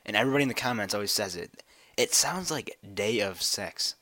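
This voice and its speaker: A man's voice: fairly low pitch, lively intonation, brisk, bright, forceful tone, no echo. A young man co-hosting a casual gaming podcast, joking around and laughing often. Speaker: podcast co-host.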